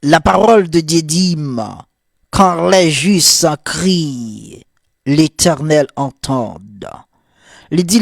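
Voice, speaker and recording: Haitian Creole-accented male priest, slow and gravelly, dry close sound, fervent morning sermon. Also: fairly high pitch, dry recording. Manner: fervent, repetitive call-and-response cadence; soft murmured prayer.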